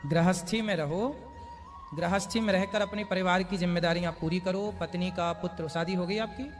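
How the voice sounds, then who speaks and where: Brief: patient male spiritual teacher, fairly high voice, long hall reverb, music underneath. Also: moderate pace. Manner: calm, patient, explains with everyday examples. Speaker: spiritual teacher answering devotees. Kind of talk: religious question-and-answer discourse.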